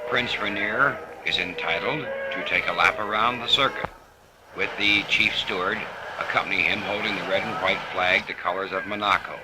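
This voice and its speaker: A man narrating race footage on an old 1950s film soundtrack, relaxed and dropping wry asides. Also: on the low side, normal speed, over loud music. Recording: hissy, noisy vintage film recording.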